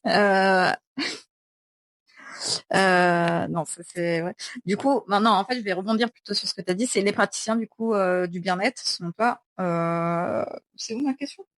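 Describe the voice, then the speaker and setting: A woman's voice: medium pitch, steady tone, a little slow, dry recording. A woman hosting a podcast, joking and teasing her guest in casual slang. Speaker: podcast host.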